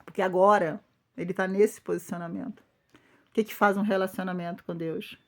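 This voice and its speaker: A woman's voice: on the low side, steady tone, a little fast. A woman pastor with a Brazilian Portuguese accent preaching an informal sermon, speaking emphatically, repeating phrases and addressing her listeners directly.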